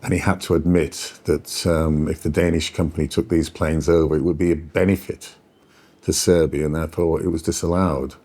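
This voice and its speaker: Middle-aged man, very low voice, lively anecdotal interviewee. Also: normal speed, slightly rough. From Yorkshire, England. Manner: animated anecdotal storyteller. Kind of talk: storytelling interview.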